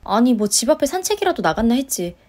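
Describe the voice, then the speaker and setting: A woman's voice: a little high, very animated, darkish tone. A woman voicing a firm, blunt young working wife and daughter-in-law in a story-radio drama. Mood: exasperated. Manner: brisk, firm, exasperated.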